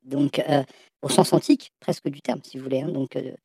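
A man's voice run through a voice changer, in his fifties, with a mellow, darkened tone. He answers slowly and haltingly, stopping and restarting his phrases. The sound is close and dry. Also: medium pitch, fairly even intonation, creaky, husky, no room sound. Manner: hesitant, halting, many restarts. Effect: voice disguised by a voice changer. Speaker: anonymous teacher guest. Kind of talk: radio interview answers.

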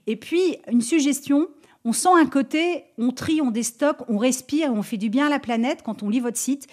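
A woman working as a business advisor, giving clear, structured feedback on a radio show. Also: sits high, a little mellow. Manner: clear, structured, quick to laugh.

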